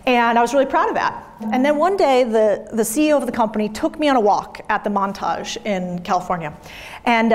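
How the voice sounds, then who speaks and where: Woman in her thirties, fairly high voice, blunt and emphatic, swearing, motivational stage talk. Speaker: business speaker. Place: event room with audience.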